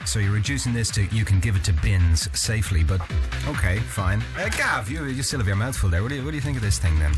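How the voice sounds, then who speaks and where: A man's voice: lowish voice, animated, quick pace, hardly any pauses. A man with an Irish accent hosting a casual radio chat, joking and quizzing his co-hosts. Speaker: radio show host. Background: music.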